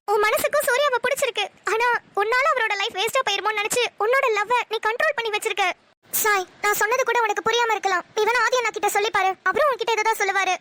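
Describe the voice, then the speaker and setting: A woman's voice: very high-pitched, sharp tone, slight background noise. A woman voicing a frank young woman in a cartoon who earnestly coaxes her friend. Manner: earnest, persuading. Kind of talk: Tamil cartoon voice acting.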